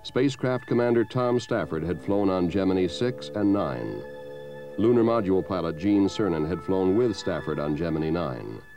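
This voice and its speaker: A man giving measured, solemn scripted narration for a documentary. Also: low voice, animated. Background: music.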